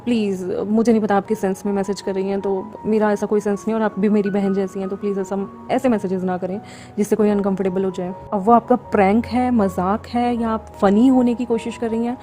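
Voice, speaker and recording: A woman's voice: medium pitch, flat delivery, brisk, mellow, faint music behind. A woman hosting her story channel, talking casually and frankly to viewers and scolding a pushy fan. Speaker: channel host and story narrator. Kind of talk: casual direct address to viewers.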